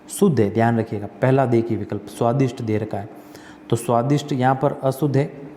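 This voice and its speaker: A man teaching an exam-prep spelling lesson, asking and answering his own questions and repeating words slowly. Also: mid-range voice, mellow, big-room sound, a little hiss or hum.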